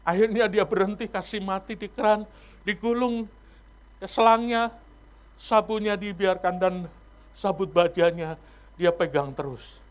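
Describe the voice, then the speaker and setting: A male pastor preaching a sermon, acting out the voices of the people in his story with big swings in pitch. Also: a little slow, long pauses.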